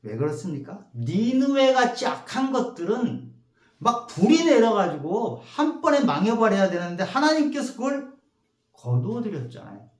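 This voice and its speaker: A male pastor preaching a sermon in a church, telling the story in an animated way and acting out the quotes. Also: sits high, normal speed, reverberant. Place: church sanctuary.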